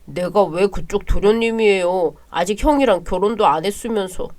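A woman's voice: mid-range voice, moderate pace, darkish tone, close to an everyday voice. A woman voicing a sullen young male student who talks curtly and sarcastically. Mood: sarcastic. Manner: curt and sarcastic.

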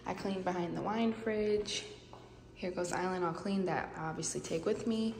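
A young woman, chatting casually as she films a tour of her empty apartment on a handheld phone. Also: on the low side. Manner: chatty, quick, casual, repeats "here goes". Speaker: vlogger. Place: empty apartment with bare hard floors. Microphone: handheld phone camera at arm's length. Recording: echoey empty rooms, noisy.

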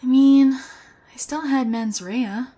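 In an ASMR roleplay, a young woman plays an odd, sweet thief, speaking softly and hesitantly with awkward pauses. Her high-pitched voice sounds sheepish and earnest.

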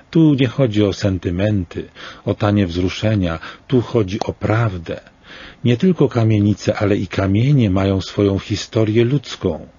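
A man in his sixties reads a scripted commentary slowly, gravely, and deliberately, posing rhetorical questions. His voice is on the low side, warm, and slightly rough, and the audio sounds dull.

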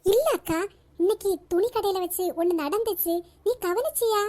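A woman's voice: extremely high pitch, normal speed, a little mellow. A woman voicing a sly, gossipy young woman in a cartoon, insistent and confiding. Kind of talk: cartoon voice acting.

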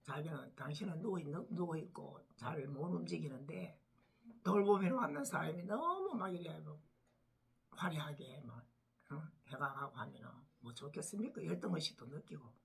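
An older woman from the Gyeongsang region with a Gyeongsang accent, chatting casually to camera at home over morning coffee. She teases her husband, laughs often and sometimes drops to a soft murmur. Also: low-pitched, animated, moderate pace, gravelly. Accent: Gyeongsang Korean. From Gyeongsang region, Korea. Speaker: vlogger, home caregiver.

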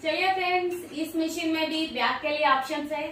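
A cheerful woman in her thirties walks viewers through machine exercises, her voice pitched high. The camera sits a few steps away in a bare, very echoey small room, so she sounds distant and boomy. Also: normal speed, a bit bright, slight background noise. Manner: chatty, addresses viewers directly, upbeat. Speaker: fitness vlogger. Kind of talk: casual workout demonstration. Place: small home gym room, indoors.

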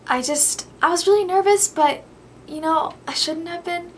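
A woman's voice: very high voice, normal speed, slight background noise. A young woman doing a chatty, gushing makeup tutorial vlog, sounding a little tired. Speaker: beauty vlogger.

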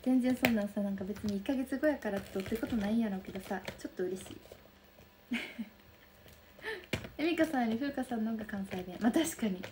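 A young woman with a soft Kansai accent chatting casually on a livestream, reading out and answering viewer comments. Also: fairly high pitch, fast, long pauses, noisy background. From Kansai region of Japan. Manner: soft, bubbly, chatty with frequent laughs. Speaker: livestream host. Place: room lit by daylight.

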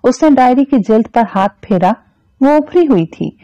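A woman narrates an audio novel in a calm, even voice. Her pitch is fairly high and her tone mellow. The recording is dry and a little dull. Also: normal speed, dry recording.

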